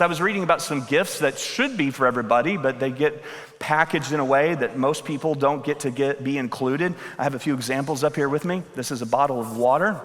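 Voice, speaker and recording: A pastor preaches a sermon into a pulpit microphone in a church sanctuary, his voice a little high with a fairly bright tone. He starts out conversational and joking, then builds to emphatic appeals, and the recording has a long hall reverb.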